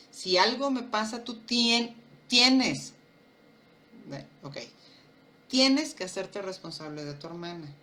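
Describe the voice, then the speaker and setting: A woman, talking to camera about family roles and acting out dialogue in a lively storytelling way. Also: mid-range voice. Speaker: nutrition and empowerment speaker. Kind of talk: personal talk to camera.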